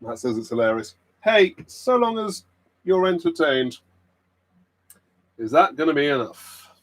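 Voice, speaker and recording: Hosting a pub quiz stream, this British RP-accented man chats casually and jokes around with his viewers. He speaks a little slowly in a fairly high pitch that swings widely.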